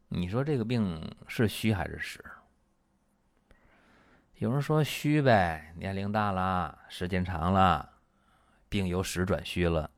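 A man hosting a traditional Chinese medicine talk show in a lively, colloquial way. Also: low voice, no echo, clean studio sound. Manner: lively and colloquial, acts out patients and doctors.

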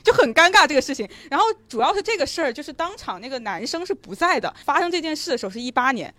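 A young woman telling her own story in a casual chat, animated and restarting her sentences. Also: high voice, very fast, dry recording. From China. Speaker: guest listener.

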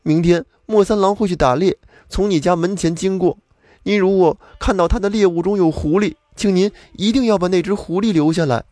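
A man voicing a young fox-spirit man who begs tearfully for help, in a high strained voice. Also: fairly quick, warm tone, dry recording, clean studio sound, lightly acted. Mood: pleading.

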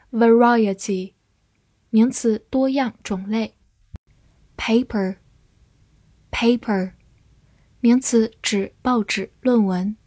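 A woman teaching English vocabulary in a scripted lesson, reading each word twice and then its meanings in an even voice. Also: a little high, no room sound.

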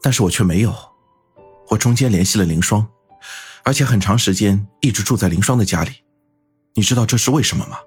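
Brief: male actor as a resolute young detective in an audio drama, breathy and raspy, low-set, steady and solemn. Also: a little fast, pauses often, soft background music. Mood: earnest. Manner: steady, solemn, quietly devoted.

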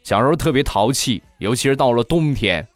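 Lively comic storyteller man. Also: medium pitch, brisk. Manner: lively, playful, animated delivery. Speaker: comedian. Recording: dry studio with faint music.

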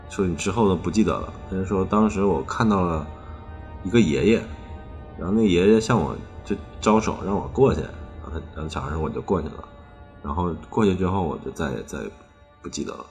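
Very deep-voiced man telling a rambling tale. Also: brisk, a little mellow, soft background music. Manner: rambling, strings clauses with "then" and repeats phrases. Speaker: storyteller on a ghost-story podcast. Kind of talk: casual chat storytelling.

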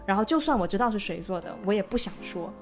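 A woman co-hosting a casual podcast, telling a childhood story in a lively way and laughing often. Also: mid-range voice, quick pace, over music. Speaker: podcast co-host.

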